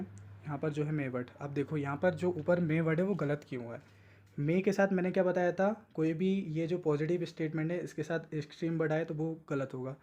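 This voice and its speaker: A young man teaching exam tricks in a casual, coaxing lesson, often slipping into English and reading statements aloud slowly. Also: on the high side, a little mellow, lo-fi sound. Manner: chatty, coaxing, mixes English words and reads English statements slowly. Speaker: exam coaching tutor. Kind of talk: informal exam-tips lesson.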